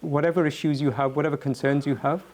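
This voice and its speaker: A man speaking reflectively as a guest answering questions, earnest and halting, often repeating words as he goes. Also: fairly high pitch, steady tone, darkish tone, slight background noise.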